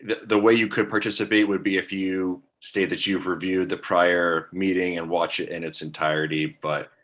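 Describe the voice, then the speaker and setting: A man giving a hesitant, monotone staff briefing at a public meeting over a video call, filling pauses with um. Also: low-pitched. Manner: monotone, hesitant with many ums. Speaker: staff attorney at a commission meeting.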